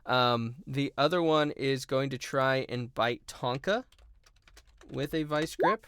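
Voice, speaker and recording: A man's voice: mid-range voice, smooth, dry recording. A man running a tabletop role-playing game as game master, narrating actions with many filler ums. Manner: relaxed, many filler ums, quick rules talk.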